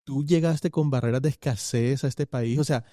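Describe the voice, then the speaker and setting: A man hosting a podcast interview, chatting in a relaxed way and sharing personal anecdotes. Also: mid-range voice, moderate pace, dry recording, studio quality. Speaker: podcast host. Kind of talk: conversational interview.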